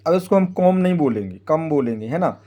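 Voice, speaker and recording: Male phonics teacher, slightly high, mellow voice, patient and repetitive, spells out letters. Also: very animated, quick pace, lo-fi sound. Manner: frequent tag "है ना" checking with the viewer. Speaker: English teacher. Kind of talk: Hindi-language English phonics lesson.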